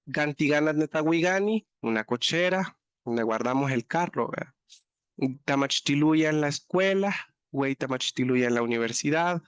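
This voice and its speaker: Guy teaching an online class, keeps checking everyone's following, slightly high voice, dry close sound. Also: expressive, normal speed, smooth, no echo. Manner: patient, explanatory, checks understanding with "¿verdad?". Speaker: Nawat language teacher.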